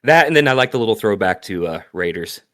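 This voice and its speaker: A man's voice: on the low side, animated, fast talker, a bit bright. A man co-hosting a casual movie podcast, laughing often and retelling scenes with animation. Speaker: podcast co-host. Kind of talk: casual movie review chat.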